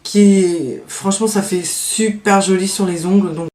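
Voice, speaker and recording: With a warm, medium-pitched voice and fairly even intonation, a woman unhurriedly presents her favorite nail polishes in a roomy-sounding space. Her casual beauty vlog is hesitant, full of fillers and trailing "donc voilà," though she's enthusiastic about the ones she loves.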